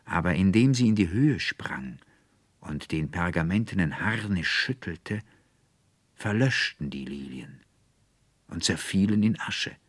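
A man reading a fairy tale aloud as a measured, theatrical audiobook narrator. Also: low voice, expressive, dry recording. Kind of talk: dramatic literary reading.

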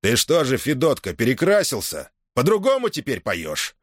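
A man voicing a drunk soldier who bullies and threatens, shouting. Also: mid-range voice, wildly swooping pitch, normal speed, no echo, clean studio sound, voice pushed up. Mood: menacing. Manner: shouting, menacing.

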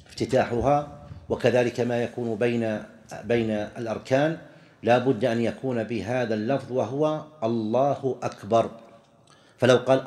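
A man teaching a jurisprudence lesson, commenting on a text read aloud and repeating examples slowly. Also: mid-range voice, darkish tone, reverberant.

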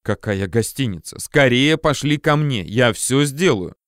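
A man reading an audiobook voices a spirited, caring young woman, speaking livelier and higher than his narration. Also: lively intonation, measured pace, dry recording, studio quality, close to an everyday voice. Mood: coaxing.

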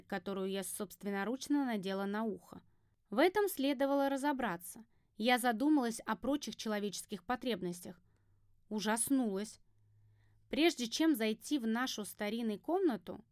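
Fairly high-voiced woman audiobook narrator. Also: a little mellow, no room sound, studio quality. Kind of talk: first-person audiobook narration.

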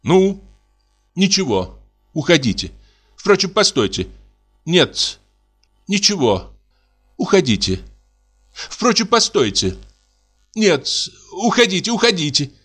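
Мужчина в роли высокой, резкой вдовы, возмущённые вспышки, аудиоспектакль. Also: male voice, big pitch swings, takes it slowly, pauses often, a bit bright, husky, faint music behind, full character voice. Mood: flustered. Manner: shrill, indignant, wavering outbursts. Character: hot-tempered young widow, woman. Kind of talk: audiobook drama reading.

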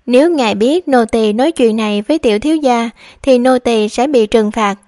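A woman's voice: fairly high pitch, moderate pace, dark tone, dry recording, studio quality, natural voice. A woman voicing a scheming young maidservant who feigns worry, speaking in a pleading, confiding way. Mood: worried pleading.

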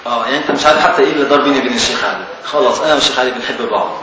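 A man's voice: medium pitch, rapid-fire, muffled recording. A man with an Egyptian Arabic accent teaching a classical legal text to a class, questioning and teasing his students as he explains. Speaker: teacher of Islamic law texts. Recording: very echoey, distant from the mic, faint hiss.

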